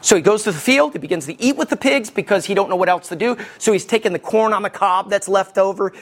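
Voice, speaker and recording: Animated high-voiced pastor. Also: male voice, fast. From Alabama. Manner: folksy storytelling, animated. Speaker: lead pastor. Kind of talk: sermon.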